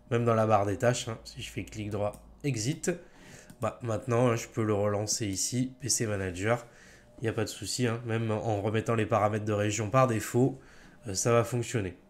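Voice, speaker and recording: A man with a French accent walks viewers through a software install in a casual tutorial, chatty and full of fillers, often correcting himself. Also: fairly low pitch. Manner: chatty, many fillers and self-corrections, chuckles at own slips. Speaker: tech tutorial host.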